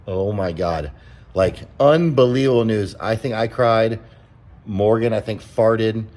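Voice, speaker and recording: A man's voice: lowish voice, a little slow, a little mellow, rough recording. A young man talking in a casual vlog, blunt and exasperated, swearing freely as he rants. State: out of breath. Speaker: vlogger.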